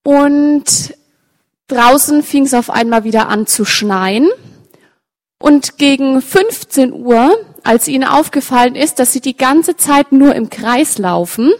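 A woman telling a story with pictures to an audience, talking straight to her listeners in a lively way. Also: high voice, slow pace. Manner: lively, direct address to listeners. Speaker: storyteller for children. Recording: long reverb, large hall.

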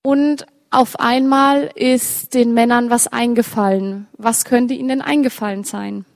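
A woman with a fairly high voice tells a story to a young audience, turning to her listeners as she goes. Her voice rings out in a hall with a long, lingering reverb. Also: a little slow, creaky. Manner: lively, direct address to listeners. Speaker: storyteller for children. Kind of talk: telling a story with pictures to an audience.

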